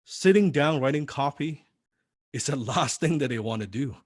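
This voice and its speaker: A non-native English speaker with a medium-pitched voice teaches copywriting at a live seminar, peppering the audience with rhetorical questions. The audio is studio quality, free of room sound.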